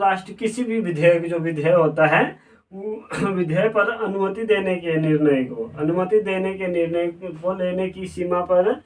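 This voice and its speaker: A man's voice: sits high, recorded from a distance. A man teaching an exam-prep lesson who repeats and rephrases himself, with frequent fillers.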